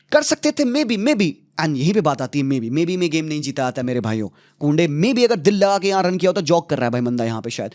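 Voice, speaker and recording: Fired-up man ranting about football. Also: fairly high pitch. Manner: passionate, exasperated, mixes Hindi with English, crude slang. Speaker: football channel host. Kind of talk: heated football analysis rant.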